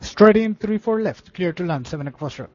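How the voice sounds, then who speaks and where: A male pilot makes radio calls in a high voice. He talks fast with slightly hesitant, informal phrasing. The cockpit radio sounds muffled. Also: lively intonation, darkish tone, no room sound. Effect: aviation radio transmission. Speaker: private light-aircraft pilot.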